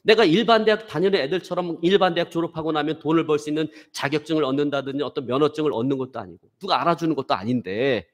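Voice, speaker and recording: A man's voice: fairly high pitch, very fast, few pauses. A middle-aged male pastor preaching a sermon in a church, telling a personal story and acting out his own past complaints. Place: church sanctuary.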